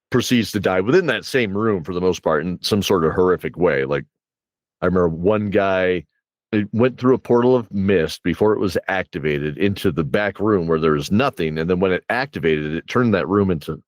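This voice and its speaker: A man with a low voice and lively intonation chats casually as a game master, with no room sound, at a moderate pace. He rambles through campaign stories in animated storytelling, quoting and acting out how his players reacted.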